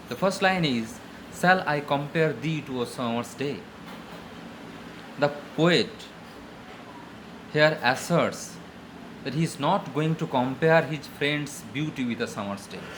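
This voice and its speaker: Bengali-accented male teacher, slow and lively. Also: high-pitched, a little hiss or hum. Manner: switches between slow deliberate English and rapid explanatory Bengali. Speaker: high school English teacher. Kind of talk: classroom lecture.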